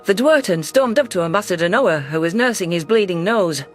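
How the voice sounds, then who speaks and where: Over faint background music, a man narrates a scripted sci-fi story for an audiobook. His delivery is even and measured, and his voice sits fairly high.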